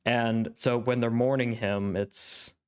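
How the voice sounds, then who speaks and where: Mid-range and steady, this young man speaks slowly as he hosts his anime reaction channel alone. His casual commentary wanders thoughtfully with lots of fillers, while his stuffy nose and throat-clearing come through.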